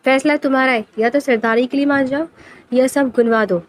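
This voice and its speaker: Reading from a storybook, a woman with a high, steady voice takes on the role of a stern old grandfather ruling the clan, performed lightly. The character comes across as angry and domineering, issuing commands firmly and with finality.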